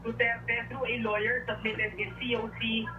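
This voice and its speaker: Halting woman reporting from a noisy press scrum. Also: a little high, level tone. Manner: halting, searching for words as events unfold. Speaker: field news reporter. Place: crowded office building hallway indoors. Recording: noisy, distant live location feed. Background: commotion of a media scrum.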